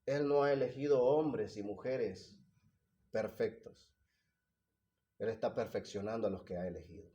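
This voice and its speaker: A man preaching a sermon, swinging from hushed, emotional passages to loud, rising appeals. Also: lowish voice, normal speed, long pauses, highs cut off.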